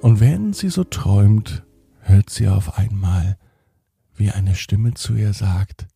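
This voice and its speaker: A man narrating a children's story slowly and gently, with expressive read-aloud delivery. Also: on the low side, creaky, breathy edge, no room sound, soft background music.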